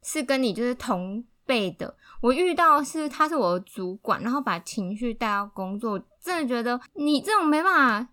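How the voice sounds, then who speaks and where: A woman's voice: fairly high pitch, expressive, moderate pace, hardly any pauses, sharp tone. A young woman who works part-time, chatting casually on a podcast with blunt, sarcastic quips. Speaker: podcast co-host. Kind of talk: casual chat.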